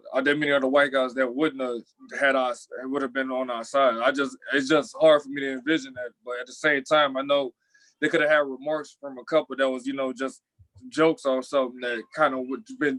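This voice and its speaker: A man's voice: mid-range voice, fairly bright tone, no echo, poor audio. A young man, a former college athlete, talking thoughtfully in a panel discussion, often restarting his sentences.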